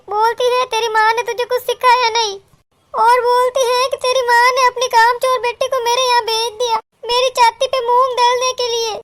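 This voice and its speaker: A woman's voice: extremely high pitch, a bit bright, a little hiss or hum. A woman voicing an unhappy young married woman in a cartoon, complaining emphatically about her in-laws. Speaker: daughter. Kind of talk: cartoon voice acting.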